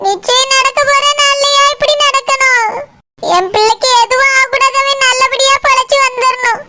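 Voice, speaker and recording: A woman's voice: very high voice, steady tone, moderate pace. A woman voicing a grieving middle-aged village mother who laments tearfully, with a Kanyakumari Tamil accent. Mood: lamenting. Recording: loud background noise.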